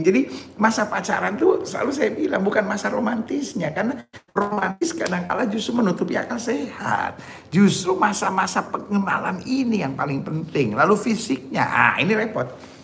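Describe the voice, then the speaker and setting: A man's voice: sits high, lively intonation, moderate pace, gravelly, fairly bright tone, a little hiss or hum. A man preaching a sermon, emphatic, often asking his listeners "ya kan?" and calling them "saudara-saudara". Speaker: pastor. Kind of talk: sermon on dating.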